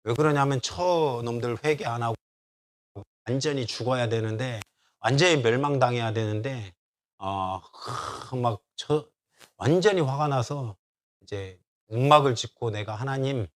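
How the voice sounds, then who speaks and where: A man's voice: medium pitch, measured pace. A man preaching as a church pastor, retelling a story in a conversational way and acting out the quoted voices. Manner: conversational with fillers. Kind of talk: sermon.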